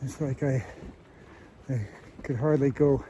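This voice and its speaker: A man vlogging from a mountain trail while ill and weak, speaking haltingly with many fillers. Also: medium pitch, fairly even intonation, warm tone, a little hiss or hum, rough recording. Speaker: hiking vlogger. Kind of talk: casual trail vlog talk to camera.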